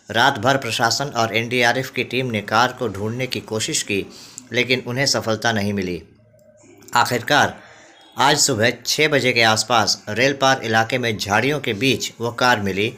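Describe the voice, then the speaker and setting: A man reading local news reports in a formal, even, scripted delivery. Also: medium pitch.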